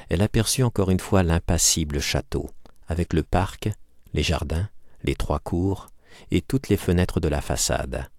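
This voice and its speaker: A man narrating a classic novel as an audiobook, with expressive, measured storytelling. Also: sits low, dry recording, studio quality. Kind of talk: scripted narration.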